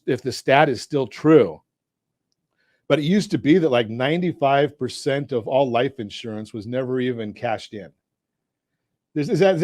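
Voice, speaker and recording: A man with a Southern Californian accent and a voice on the high side but darkish in tone hosts a finance talk radio show. Full of energy, he cracks jokes and asks his guests leading questions, and there's a sponsor read. He's on a studio mic with no echo.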